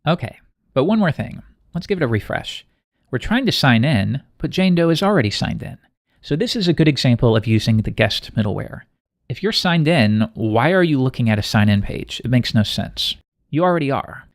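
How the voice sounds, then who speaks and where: A man teaching web programming in a screencast, talking through code in a relaxed, conversational way as he works. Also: medium pitch, normal speed, no echo, clean studio sound. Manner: relaxed, conversational, thinking aloud while coding. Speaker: programming instructor. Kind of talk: screencast coding tutorial.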